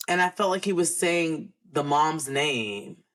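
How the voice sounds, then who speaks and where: A man on a podcast, rambling through his thoughts with loose restarts. His voice sits a little high for a man, and the talk is relaxed and conversational. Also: a little slow. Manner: rambling, hesitant, restarts often. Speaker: podcast co-host. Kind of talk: casual chat.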